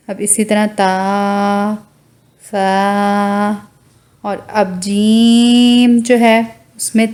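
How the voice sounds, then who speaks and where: A woman teaching Quran recitation, drawing out each letter name slowly and patiently explaining with a Pakistani Urdu accent. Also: medium pitch, mellow. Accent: Urdu-speaking, Pakistani. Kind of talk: slow recitation lesson, drawn-out letter names.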